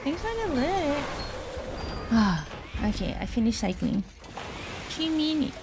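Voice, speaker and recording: A woman's voice: high-pitched, very animated, unhurried. A woman streamer chatting casually with viewers and reacting as she plays a game. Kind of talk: casual live gameplay chat. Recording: game music behind voice.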